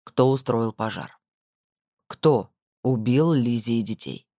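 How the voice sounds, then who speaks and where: A man's voice: medium pitch, expressive, takes it slowly, mellow, no room sound, studio quality, voice pushed down. A man voicing a desperate, hot-tempered ex-convict man who makes curt demands. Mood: demanding.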